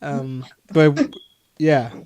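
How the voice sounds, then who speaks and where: Man from Cameroon, Cameroonian accent, high voice, earnest and halting over a video call. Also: fairly even intonation. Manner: earnest, many restarts and soft laughs. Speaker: adoption agency leader. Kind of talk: casual video call conversation.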